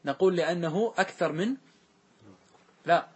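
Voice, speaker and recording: A man's voice: high-pitched, moderate pace, slight background noise. A man teaching a grammar lesson, asking the class questions and repeating the answers to them. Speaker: teacher explaining grammar verses.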